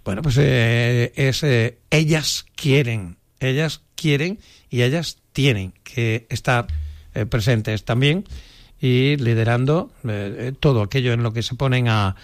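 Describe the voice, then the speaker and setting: A man from Spain hosting a local radio show, interviewing a guest and talking between segments, halting with many fillers. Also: mid-range voice. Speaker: radio host.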